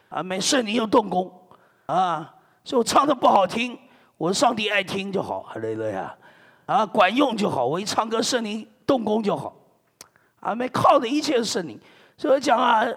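Lively preacher man in echoey hall. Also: a little high. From China. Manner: animated, joking preacher who keeps punctuating with amen and hallelujah. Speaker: pastor. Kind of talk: sermon.

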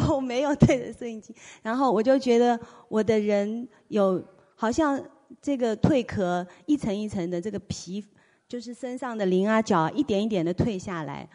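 A woman's voice: mid-range voice, moderate pace, dark tone, big-room sound. A woman giving an emotional, earnest spoken testimony in a church, her voice rising and falling with feeling. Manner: emotional, earnest, reenacts her own cries.

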